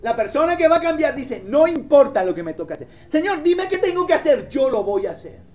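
A man preaching a sermon as pastor, swinging from quiet low asides to loud pleading outbursts and acting out the voices of people he describes. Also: big pitch swings, brisk. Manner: acts out the doubter's and the seeker's voices himself. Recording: dull lo-fi recording.

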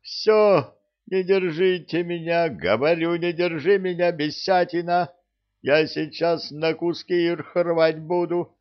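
A man's voice: mid-range voice, big pitch swings, slow, pitched above the performer's own voice. A man voicing a hot-tempered woman who screams in rage, in a muffled audiobook recording. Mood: enraged.

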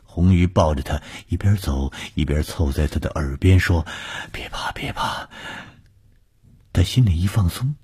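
A man narrating a scripted ghost story with a measured, suspenseful delivery. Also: sits low, dark tone, breathy edge.

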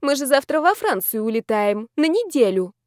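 Brief: a woman plays a tipsy lovesick young woman in an audiobook, high and wailing, melodramatic sobs. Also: sing-song, normal speed, darkish tone, dry recording, studio quality. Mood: indignant. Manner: wailing, melodramatic sobbing delivery.

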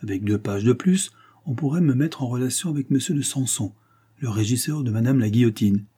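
A man's voice: medium pitch, brisk, mellow, slightly rough. A man reading the part of a scheming young male bandit in an audiobook, speaking in a mocking, carefree tone.

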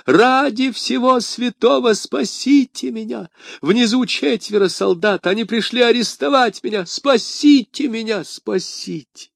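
A man voicing a terrified, timid middle-aged haberdasher who pleads in a high, wailing voice. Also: very animated, measured pace, gravelly, dry recording, studio quality, heavily acted. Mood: panicked pleading.

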